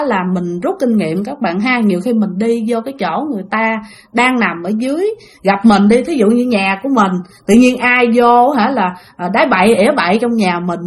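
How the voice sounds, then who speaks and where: A young woman, chatting through ghost stories and talking straight to her listeners. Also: fairly high pitch. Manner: chatty, addresses listeners directly. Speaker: storyteller.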